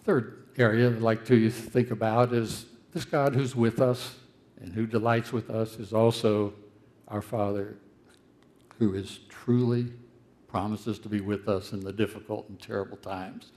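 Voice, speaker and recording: An older man preaching a sermon in a conversational, earnest way, his voice swelling to loud, emphatic peaks. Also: lowish voice, steady tone, unhurried.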